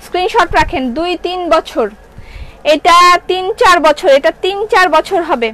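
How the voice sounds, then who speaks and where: Speaking at a moderate pace in an extremely high, fairly bright voice, this middle-aged online shop seller has a Bangladeshi Bengali accent. The audio is poor as she chats and responds to viewer comments while selling clothes live.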